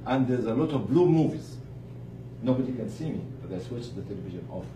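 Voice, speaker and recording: In an echoey room full of listeners, an animated man with a medium-pitched voice gives a casual faith-based motivational talk to charity workers. He speaks emphatically, with pauses and rhetorical questions, captured by a far-off mic with noticeable noise.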